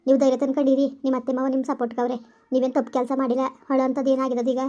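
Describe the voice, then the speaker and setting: A woman's voice: sits high, monotone, racing, dark tone, pitched below the performer's own voice, natural voice. A woman voicing a young woman who keeps comforting her sister-in-law, with soothing, repeated reassurances. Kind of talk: animated story voice-over. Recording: lo-fi, dull voice-over.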